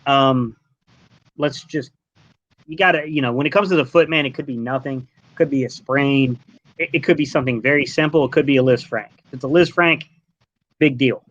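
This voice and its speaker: A man in his late thirties from Delaware, a guest in a casual sports podcast chat, relaxed and rambling, dropping "man" often. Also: medium pitch, brisk, dry recording. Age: 30s. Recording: dull lo-fi online call audio.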